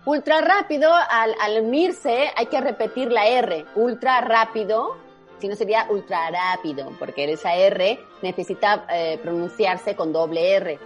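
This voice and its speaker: A woman's voice: mid-range voice, measured pace, hardly any pauses, lo-fi sound, faint music behind. A woman from Spain who patiently explains spelling rules step by step in a casual chat. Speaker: spelling quiz guest expert.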